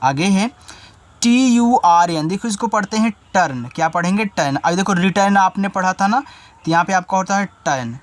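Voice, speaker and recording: A man teaching an English spelling lesson, patiently spelling each word out letter by letter and repeating each meaning twice. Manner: spells words out letter by letter slowly, then says the word lower and quieter.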